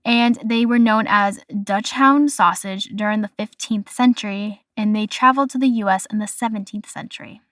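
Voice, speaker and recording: A woman's voice: medium pitch, moderate pace, few pauses, a bit bright, no echo, clean studio sound. A young woman from the United States hosting a casual solo podcast, chatty and stumbling over foreign words. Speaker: podcast host. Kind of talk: casual solo podcast, listing food facts.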